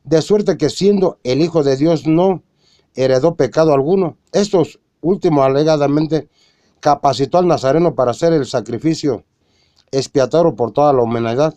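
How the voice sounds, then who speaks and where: A man reading a religious argument aloud in a measured way, quoting scripture and citing chapter and verse. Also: fairly high pitch, dark tone, no echo. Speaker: religious lecturer.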